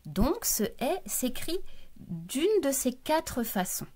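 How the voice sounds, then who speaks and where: Highly animated yet slow-paced, this woman's voice is high-pitched with a dark tone. As a primary school teacher in a recorded lesson for young children, she addresses the child directly and patiently breaks words down into syllables.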